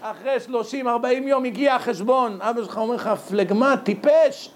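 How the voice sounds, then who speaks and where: Animated high-voiced man teaching a religious lesson. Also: slight background noise. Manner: animated storytelling, acts out characters. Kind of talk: Torah lesson sermon.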